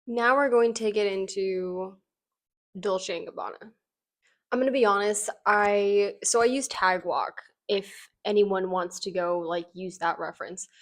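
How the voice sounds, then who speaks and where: A woman's voice: medium pitch, measured pace. A woman with a mid-range voice hosts casual fashion commentary. She talks in a chatty, informal way, offering personal opinions and often dropping "like" into her sentences. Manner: informal, conversational, frequent "like" as emphasis.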